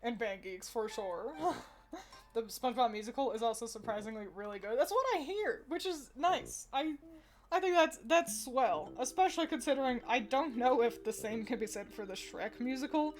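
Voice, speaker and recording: A woman's voice: a little high, animated, moderate pace. A woman streamer chatting casually with her viewers, rambling and laughing often between thoughts.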